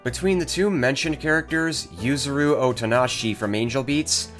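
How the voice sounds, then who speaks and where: A man delivers scripted narration for a video. His pitch is average, with soft plucked guitar behind him. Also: normal speed. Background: guitar music.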